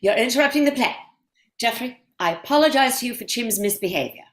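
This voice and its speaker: A woman's voice: a little high, animated, fairly quick, natural voice. A woman playing a gushing, imperious society lady in a stage play reading, with an affected theatrical manner. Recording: echoey room.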